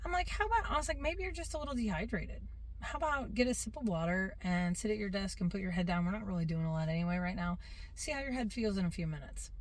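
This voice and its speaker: A middle-aged woman, a substitute teacher, telling a story in a casual, animated way and acting out the kids and herself. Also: mid-range voice, fast talker. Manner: animated, quotes herself and kids in lively voices.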